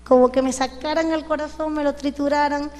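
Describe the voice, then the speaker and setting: Woman preaching, high voice, big reverb hall, tells her story all emotional. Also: fairly even intonation, a little fast. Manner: emotional storytelling, acting out dialogue, shouts of praise. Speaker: preacher giving a testimony. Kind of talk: sermon testimony.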